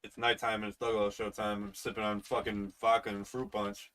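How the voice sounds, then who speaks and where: A man's voice: on the low side, level tone, a little fast, over a noisy crowd. Profane joking young man co-hosting. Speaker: co-host. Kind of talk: casual podcast chat.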